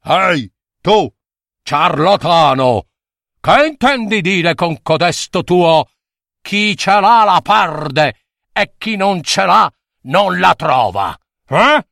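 A man's voice: high-pitched, big pitch swings, takes it slowly, creaky, fairly bright tone, no room sound, clean studio sound, full character voice. A man voicing a short-tempered old king who bellows his orders. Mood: demanding.

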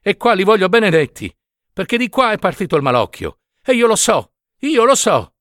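A man voicing a desperate peasant mother, pleading and wailing in a shrill voice as he reads a story aloud. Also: very animated, moderate pace, a bit bright, no echo, clean studio sound. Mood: pleading anguish.

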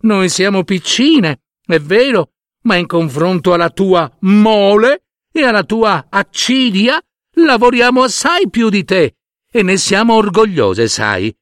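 A man voicing a family of tiny, hard-working female ants in a fairy tale, squeaky and earnest. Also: very animated, slow pace, a bit bright, no room sound, studio quality, heavily acted. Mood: proud.

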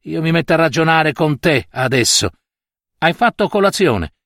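A man voicing a gruff, scornful old landowner in an audiobook story, brusque and commanding. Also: fairly high pitch, animated, normal speed, fairly bright tone, no room sound, clean studio sound.

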